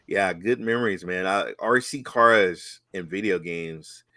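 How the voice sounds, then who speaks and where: A man co-hosting a casual chat, telling nostalgic stories with excited exclamations. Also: sits low, measured pace, dry recording. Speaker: co-host.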